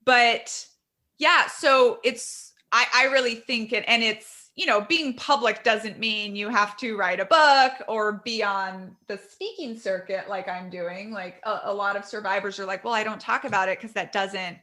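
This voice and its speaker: A woman in her thirties speaks candidly in an interview, her voice bright and forceful. She tells her story quickly and with animation, often restarting her sentences. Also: mid-range voice. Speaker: guest author. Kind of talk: conversational interview.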